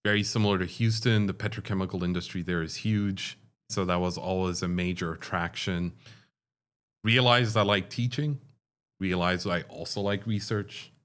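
A man from Dubai, a chemical engineering professor, answering interview questions in a measured, explanatory way. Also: sits low, steady tone, a bit bright. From Dubai, Middle East. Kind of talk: conversational interview.

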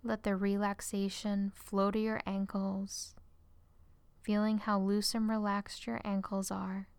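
A woman guiding a relaxation exercise in a calm, soothing way, her phrases trailing off into soft whispers. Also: mid-range voice, takes it slowly, creaky, clear, resonant tone, no echo. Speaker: relaxation guide. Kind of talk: guided relaxation script.

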